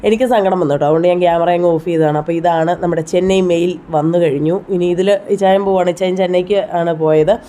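Give me a Kerala Malayali woman narrating a family vlog, heartfelt, rapid delivery. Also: on the low side, steady tone, dark tone, slight background noise. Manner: chatty, heartfelt, frequent tag "you know". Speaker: vlogger. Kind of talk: personal vlog voice-over narration.

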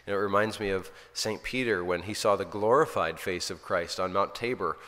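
Earnest priest in a reverberant hall. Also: male voice, low-pitched, fairly quick, bright, forceful tone. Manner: earnest, storytelling, often restarts sentences. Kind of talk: informal spiritual talk.

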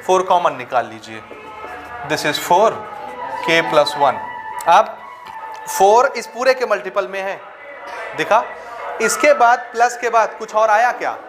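A man teaching a maths lesson with a Chhattisgarh Hindi accent, often asking if students follow and dictating English terms slowly. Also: high voice. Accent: Hindi-speaking Chhattisgarh. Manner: checks understanding with frequent rhetorical questions. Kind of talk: classroom lecture.

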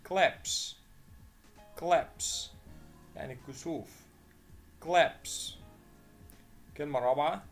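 An Egyptian-accented man teaching English vocabulary, pitched a little high with a gravelly edge. He speaks in an unhurried way, repeating each word deliberately before glossing it, with faint music underneath. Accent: Egyptian Arabic. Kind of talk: vocabulary lesson voice-over.

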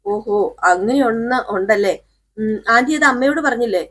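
A woman's voice: fairly high pitch, lively intonation, moderate pace, fairly bright tone. A woman doing a puzzled young son-in-law. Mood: surprised.

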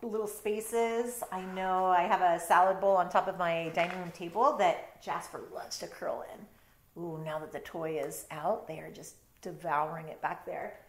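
Her fairly low, steady voice keeps a moderate pace as a middle-aged teacher reads a picture book aloud, pausing for chatty explanations. The storytime takes place in a bedroom, with roomy indoor echo and a little hiss or hum.

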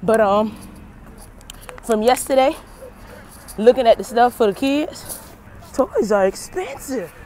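A woman's voice: fairly high pitch, big pitch swings, slow pace, long pauses, mellow. A woman vlogging casually on her phone while walking outside, talking straight to her viewers, chatty and folksy, and out of breath. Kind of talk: casual vlog talk to camera. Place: outdoors, walking near traffic at night. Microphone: handheld phone. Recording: faint outdoor traffic noise.

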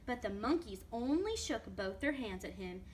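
A woman children's librarian reading a picture book aloud at preschool storytime, slowly and expressively, asking the children questions. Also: on the high side, expressive, slight background noise.

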